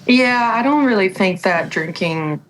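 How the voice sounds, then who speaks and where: A woman's voice: medium pitch, expressive, measured pace, a little hiss or hum, low-quality recording. A woman singer-songwriter talking candidly in a casual podcast conversation, full of "like" fillers. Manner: chatty, lots of "like" fillers, candid.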